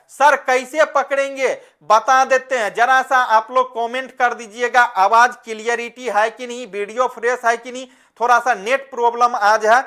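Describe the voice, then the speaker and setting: This man teaches an online class at a slow pace, his voice very high-pitched and sharp. He repeatedly asks his students questions, answers them on his own, and calls them "beta."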